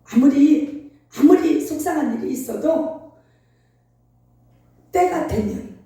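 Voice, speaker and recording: An older woman pastor preaching a sermon, telling a story in an animated, emphatic way. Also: sits high, takes it slowly. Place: church sanctuary. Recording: very echoey hall, from far off.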